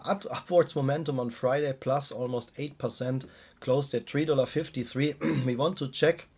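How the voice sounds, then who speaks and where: A man's voice: medium pitch, slightly rough. Man, voice weakened by a cold. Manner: halting, addresses listeners often. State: weak voice from a cold. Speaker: stock trading YouTuber. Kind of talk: casual market analysis commentary.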